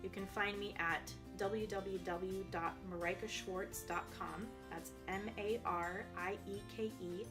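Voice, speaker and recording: A young adult woman voice coach calmly guiding listeners through vocal exercises, sometimes demonstrating. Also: medium pitch, a little slow, few pauses, over music. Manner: calm, guiding, demonstrates vocal slides and counts. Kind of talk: instructional voice exercise video.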